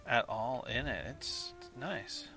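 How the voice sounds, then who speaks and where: A tired let's play host chatting casually over gameplay, self-mocking and thinking aloud. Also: male voice, mid-range voice, lively intonation, slow, music in the background.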